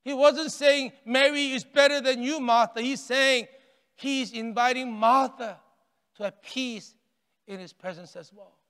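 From the pulpit of a large sanctuary, an older male pastor gives an unhurried sermon in a voice that is smooth, resonant, and unusually high. He moves between raised emphasis and near-whispered key words, gesturing widely, repeating and restarting phrases as the intensity rises and falls. Each phrase carries a long church-hall reverb.

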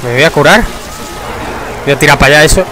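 A young man giving casual, excitable gameplay commentary, swearing and breaking into shouts. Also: fairly high pitch, fast, noisy background. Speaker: gamer. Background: game music.

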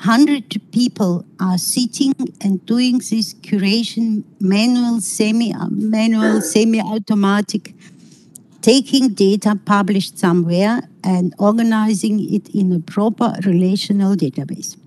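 Slow, halting middle-aged woman lecturing online. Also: mid-range voice, steady tone, darkish tone, a little hiss or hum, poor audio. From Kazakhstan. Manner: halting, searching for words, non-native phrasing. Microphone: video call.

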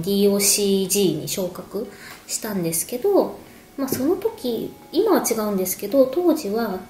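This wine explainer, a woman in her thirties, chats to camera in an echoey room at home while drinking and snacking, with music in the background. She has a mellow, mid-range voice, and the recording carries a little hiss or hum.

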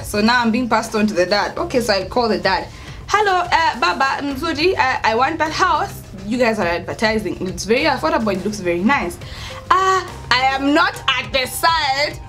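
Her voice is fairly high and fairly bright as this young adult woman with a Kenyan accent recounts a story casually to camera. Indoors at home beside an open doorway, she plays out the dialogue dramatically and code-switches into Swahili.

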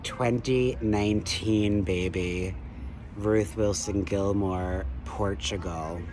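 A man in his thirties, rambling and lecturing excitedly into a phone held at arm's length outdoors. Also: fairly low pitch, slow pace, background noise. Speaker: vlogger. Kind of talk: rambling selfie monologue. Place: outdoors by a building wall.

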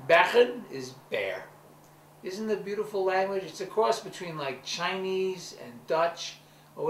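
A man's voice: fairly high pitch, far from the mic, a little hiss or hum. A man recording a playful, affectionate video message that he speaks directly to a child, among cannabis plants. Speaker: vlog host. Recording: roomy, from the mic, faint ambience.

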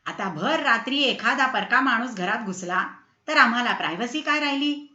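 A woman voicing an irate, shouting bare-chested male neighbour in a storybook reading. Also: very high-pitched, animated, normal speed, echoey room, muffled recording, exaggerated voice. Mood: indignant. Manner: shouting, indignant.

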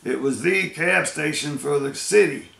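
A man's voice: fairly high pitch, a little slow, creaky, fairly bright tone, roomy sound. An American man telling rambling road stories in a casual, folksy way, often laughing as he goes. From United States. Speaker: storyteller. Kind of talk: casual storytelling.

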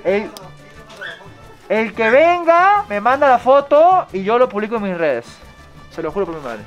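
Un hombre con acento peruano, presentador de vlog de viajes, que se despide de sus seguidores en la calle de forma animada y charlatana, hablando a través de una mascarilla. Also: male voice, sits high, big pitch swings, unhurried, a bit bright, muffled recording, faint music behind. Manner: upbeat, chatty, promotional. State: talking through a face mask. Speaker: travel vlog host. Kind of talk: casual vlog sign-off to viewers. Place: outdoors beside a street.

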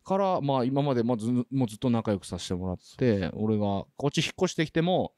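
Young guy from hokkaido, rapper chatting fast, lively up and down voice, dry sound. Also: mid-range voice, no echo. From Hokkaido, Japan. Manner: animated storyteller, acts out quotes with slangy asides. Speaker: rapper, podcast guest. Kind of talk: casual interview chat.

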